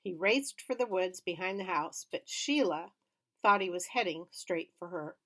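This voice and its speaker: A woman reading a children's novel aloud in plain, steady first-person narration. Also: on the low side, unhurried. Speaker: reader.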